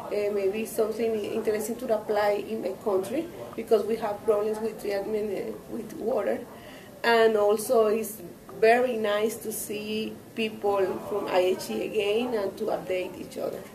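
A woman's voice: mid-range voice, rough recording. Hesitant Colombian woman, crowd chatter behind. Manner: hesitant, many fillers. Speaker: course participant. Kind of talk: short testimonial to camera. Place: indoor training room.

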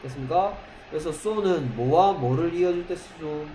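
A man teaching an English grammar lesson in a classroom, quizzing students with constant questions and reading English examples slowly, word by word. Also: on the high side, warm tone. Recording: echoey classroom with faint noise.

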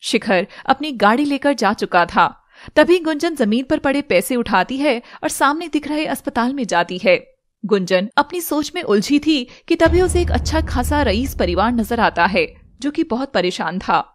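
A woman narrating a scripted animated drama in an even storytelling voice. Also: high voice, moderate pace.

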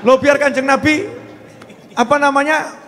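A man preaches with a Javanese accent, his voice sitting noticeably high. He jokes and teases the congregation, coaxing them to join in. His words carry a long echo through a large hall. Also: steady tone, normal speed, a bit bright, slight background noise. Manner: joking, teasing, coaxing the audience. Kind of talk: humorous sermon to a live congregation.

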